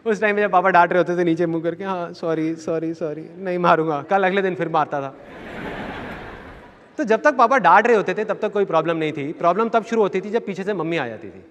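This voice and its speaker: A male motivational speaker giving a seminar in a large hall. He tells anecdotes and acts out the voices in them. His voice sits fairly high, and long hall reverb follows it. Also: animated, fast talker, fairly bright tone, highs cut off. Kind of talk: seminar talk with acted-out anecdotes. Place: large hall with a live audience.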